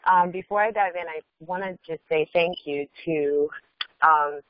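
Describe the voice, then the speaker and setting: A woman's voice: sits low, dry recording. Woman muffled on a Bluetooth headset mic. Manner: halting, many filler pauses. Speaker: mother giving a group report. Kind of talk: reporting on a group call. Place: in a car. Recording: muffled dull headset audio.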